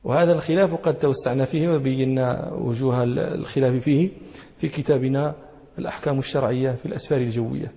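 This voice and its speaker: Speaking fast in a dark, gravelly, medium-pitched voice with fairly even intonation, a sheikh teaches hadith to a class. He unpacks the text, repeats key lines and checks comprehension, and the recording carries a long hall echo.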